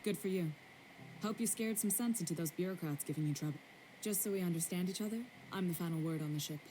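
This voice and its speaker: A woman plays an authoritative female security chief in a video game. Her voice is on the low side and she talks briskly, with a faint noise floor behind her. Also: warm tone, close to an everyday voice, rough recording. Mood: firm. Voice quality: firm, authoritative. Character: tough no-nonsense female ship security chief.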